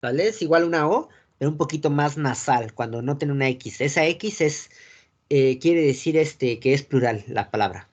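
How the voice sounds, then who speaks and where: Teaching in a classroom with a board, this Mexican-accented man sounds a little high and animated. He frequently asks "sale?" to make sure the class is following, leans on the filler "este" and restarts his lines.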